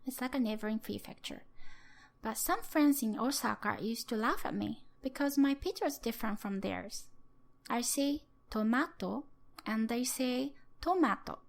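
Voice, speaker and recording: A woman gives a patient, step-by-step language lesson, pausing to sound out example words. Her voice sits a little high, with a gravelly edge of fry at the ends of phrases. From Japan. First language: Japanese. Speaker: language teacher.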